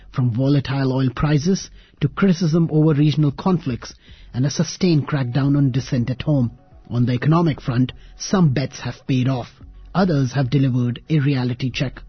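A man with a husky voice presenting a scripted radio documentary. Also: fairly high pitch, no echo, muffled recording.

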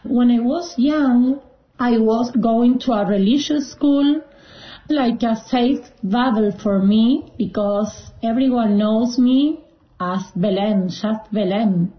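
A young woman from Argentina whose first language is Spanish tells her story as an interview guest, slowly and with hesitant restarts. Her voice sits a little high. The recording is roomy and somewhat dull. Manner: hesitant, with frequent fillers and restarts. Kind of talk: personal account in an interview.

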